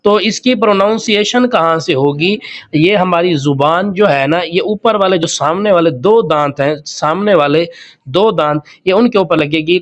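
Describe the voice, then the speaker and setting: Man, high voice, Quran recitation teacher, spells words letter by letter, slow drawn-out sounds. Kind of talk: word-by-word tajweed lesson.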